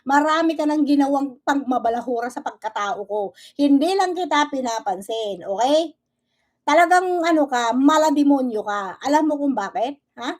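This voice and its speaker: A woman vlogger speaks in a fairly high voice, firing off a confrontational rant. She switches freely between Tagalog and English. She keeps jabbing at her target with "okay?" and "ha?". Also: expressive, normal speed. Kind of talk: angry reaction rant.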